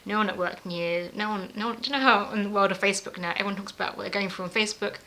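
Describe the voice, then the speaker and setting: Woman interviewee, quick talker with a bright edge, lively and self-mocking, laughs a lot. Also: medium pitch. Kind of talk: personal storytelling interview.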